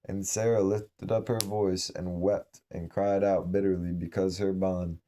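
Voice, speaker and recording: Solemn male scripture reader, low pitch, very mellow dark tone, measured pace with small slips. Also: little pitch movement, a little hiss or hum. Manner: measured, solemn reading with occasional slips and restarts. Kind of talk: reading aloud from an old scripture.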